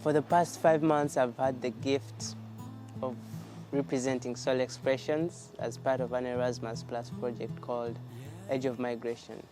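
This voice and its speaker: A man volunteer reflecting in a measured way on his time abroad. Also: medium pitch, level tone, over music. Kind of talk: personal testimony.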